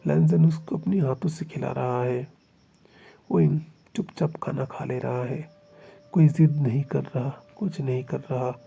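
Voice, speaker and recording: Dark gravelly male storyteller. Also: mid-range voice, fairly even intonation, measured pace. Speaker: narrator. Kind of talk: storytelling narration of a fan fiction. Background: faint music.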